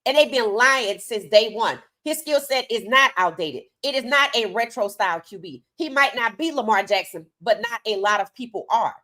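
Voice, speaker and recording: A woman's voice: a little high, lively intonation, moderate pace, few pauses, bright, forceful tone. A woman delivering opinionated sports commentary straight to her audience, emphatic, with rhetorical questions and repeated phrases.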